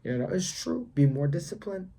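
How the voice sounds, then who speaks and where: Young male vlogger, mellow husky voice, preachy and repetitive, casual slang. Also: a little high, expressive, moderate pace. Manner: emphatic and preachy, repeats himself, slangy. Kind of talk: casual faith vlog monologue.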